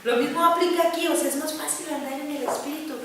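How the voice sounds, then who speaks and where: A woman preaches in a high, clear voice, speaking earnestly and conversationally as she keeps checking that her listeners agree. She is heard from some distance, in a very echoey church hall with faint noise behind her. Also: steady tone, fast, fairly bright tone. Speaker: preacher at a women's gathering. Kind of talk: sermon.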